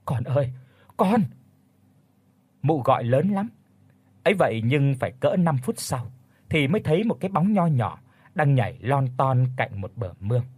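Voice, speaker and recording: A man's voice: mid-range voice, sing-song, moderate pace, darkish tone, husky, dry recording. A man narrating a horror audiobook with dramatic storytelling.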